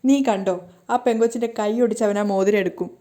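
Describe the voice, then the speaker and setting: A woman's voice: mid-range voice, fairly even intonation, quick pace, dark tone, natural voice. A woman doing a sarcastic young husband. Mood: teasing. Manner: sarcastic, needling. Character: mocking young husband who teases his family.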